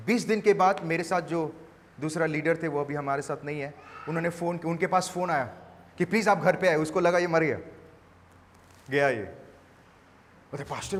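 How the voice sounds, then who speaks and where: A male pastor with an Indian English accent, preaching a sermon that swings from loud to hushed as he tells a story. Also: a little high, a little hiss or hum. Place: church hall. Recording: long hall reverb.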